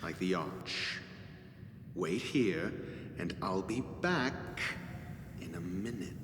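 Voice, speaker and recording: A haughty male scholar with a lowish voice that swings in pitch. He speaks slowly and curtly, talking down to others. The voice sits in a long, echoing hall over steady background noise. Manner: curt, condescending. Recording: roomy hall echo with noise.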